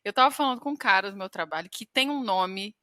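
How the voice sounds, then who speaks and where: A woman's voice: mid-range voice, lively intonation, fast, sharp tone, no room sound, studio quality. A woman hosting a podcast, chatting casually in a playful way and acting out funny quotes. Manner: playful, laughs and acts out quotes. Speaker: podcast host. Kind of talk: casual chat.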